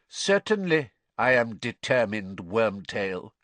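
A cold, imperious male dark lord, hissing and breathy. He is frail yet full of menace, his husky voice swinging widely between soft contempt and sharp command. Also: mid-range voice, big pitch swings, measured pace, dry recording, voice pushed up, exaggerated voice. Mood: scornful, impatient. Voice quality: breathy, hissing near-whisper.

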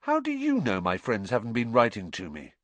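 A man voicing an earnest, curious teenage boy wizard who asks hushed, urgent questions. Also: mid-range voice, wildly swooping pitch, fairly quick, dry recording.

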